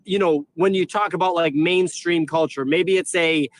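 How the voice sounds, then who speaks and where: A man's voice: fairly high pitch, fairly even intonation, normal speed, dry recording. A man co-hosting a live stream from a remote call, brashly listing bold numbered predictions while his audio keeps cutting out. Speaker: co-host making predictions. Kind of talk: casual live-stream panel talk.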